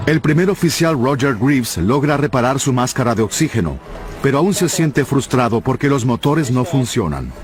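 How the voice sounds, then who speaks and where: A man narrates a documentary in Latin American Spanish. His pitch is mid-range and he reads from a script. Music plays clearly behind him. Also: lively intonation, moderate pace.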